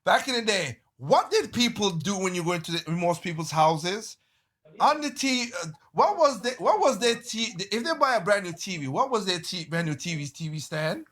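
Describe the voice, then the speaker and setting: High bright-voiced man telling animated stories. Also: moderate pace. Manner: animated storyteller, swears freely, exclaims loudly; repeats and restarts phrases. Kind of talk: casual group chat.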